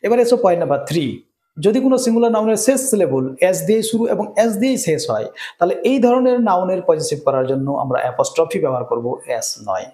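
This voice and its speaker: A man's voice: high-pitched, sing-song, fast, mellow, echoey room. A man teaching English grammar rules in a lesson, often checking in with his students. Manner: asks students rhetorical check-in questions.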